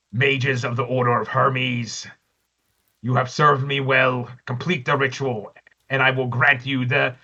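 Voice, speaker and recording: Tabletop demon, ancient and imperious, slow sepulchral delivery, put on by a man; crisp bright tone. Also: dull audio, heavily acted. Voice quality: sepulchral, booming slow commands. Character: ancient imperious male blue-eyed demon.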